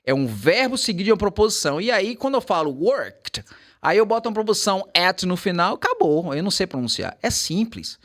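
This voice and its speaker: Brief: male English tutor, Portuguese native, lively swooping delivery, careful slow demos of English sounds. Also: sits high. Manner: animated, switches to slow careful English examples. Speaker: English teacher. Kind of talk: casual teaching chat.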